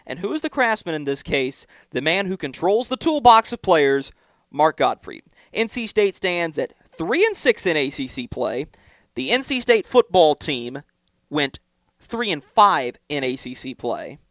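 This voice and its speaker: A young man hosts a college sports podcast, delivering blunt, punchy opinions. His voice sits a little high for a man. The recording is dry and close, with no room sound. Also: very animated, measured pace, a bit bright, dry recording. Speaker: sports talk host.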